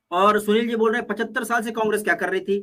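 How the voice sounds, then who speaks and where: A man with a high, bright voice reads viewer comments aloud on a live political panel. He moves quickly from one comment to the next and answers the other side with joking comebacks. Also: fairly even intonation.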